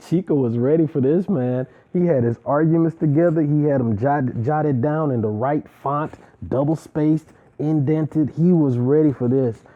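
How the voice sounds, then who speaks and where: A man whose voice is a little high speaks at a measured pace as he gives a casual, opinionated reality show recap full of slang, emphasis and preachy asides. It's recorded with a tinny, phone-like sound.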